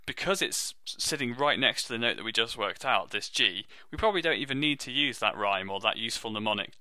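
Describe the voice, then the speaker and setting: Friendly and self-deprecating, a man with a deep, low voice guides viewers through an online music theory lesson one step at a time. The sound is clean, bright and somewhat pushed, with no echo.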